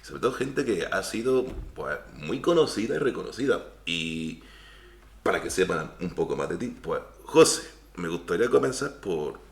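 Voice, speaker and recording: A man's voice: low-pitched, very animated, moderate pace, creaky, echoey room. A man co-hosting a podcast who asks his guest questions and adds short prompts along the way. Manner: leading questions, brief interjections. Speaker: podcast co-host. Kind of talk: casual interview.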